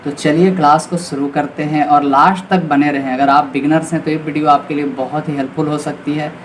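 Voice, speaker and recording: A man with an Indian accent gives beginners an informal trading lesson, explaining as he goes and often seeking short confirmations. He talks fairly quickly, on the high side, with little pitch movement. The recording is clearly noisy, with ambient background sound.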